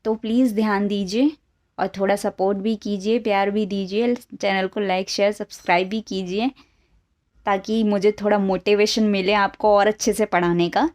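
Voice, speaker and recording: A woman's voice: medium pitch, steady tone, moderate pace, a little mellow. A woman teaching an online English lesson, patiently repeating examples, asking rhetorical questions and mixing Hindi with English words. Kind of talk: online lesson explaining year reading.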